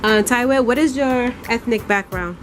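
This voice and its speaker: A woman interviewing a guest, asking calm, brief questions and giving short acknowledgements. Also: on the high side, normal speed. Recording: clear music behind.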